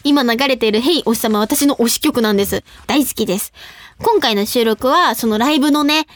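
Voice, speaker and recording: This young woman from Saitama, Japan, hosts a radio show, chatting in a bubbly, giggly way and reading listener mail with animated storytelling. Her voice is fairly high and brisk, captured dry on a studio microphone in a radio studio.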